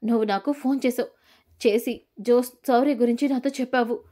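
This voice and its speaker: A woman's voice: on the high side, fairly even intonation, a little fast, close to an everyday voice. A woman voicing a fierce young mother, desperate and angry about her kidnapped daughter. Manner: angry shouting, commanding.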